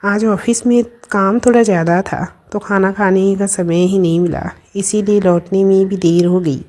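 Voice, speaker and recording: Brief: woman voicing a shy, tired young woman for a storybook, mid pitch. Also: steady tone, normal speed, darkish tone, close to an everyday voice. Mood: chatty. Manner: shy, playful with her friend.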